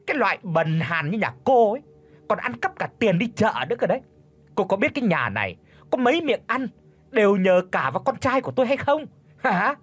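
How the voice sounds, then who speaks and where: A man voicing a spiteful old woman, a bullying mother-in-law, in a shrill, sharp-tongued scolding voice. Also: sing-song, slightly rough, heavily acted. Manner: scolding, fast accusing questions. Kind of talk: audiobook character voice.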